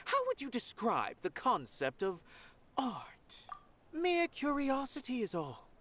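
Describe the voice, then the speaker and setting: A lofty, musing theater observer. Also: male voice, very high-pitched, wildly swooping pitch, measured pace, a bit bright, slight background noise, exaggerated voice. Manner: lofty and condescending. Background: game music.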